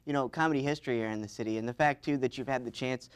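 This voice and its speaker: A man's voice: mid-range voice, clear, resonant tone. A man hosting a late-night talk show, chatting with a guest in an upbeat, eager way. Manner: enthusiastic, fast, says "heck yeah" and "man" a lot. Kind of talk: casual late-night interview.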